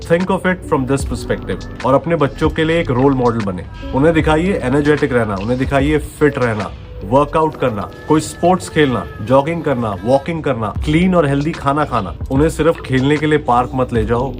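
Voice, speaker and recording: A man's voice: medium pitch, animated, normal speed. Earnest man turning forty, coaxing. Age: 30s. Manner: earnest, coaxing, mixes English phrases into Hindi. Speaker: fitness coach. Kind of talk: motivational talk to camera. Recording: music playing underneath.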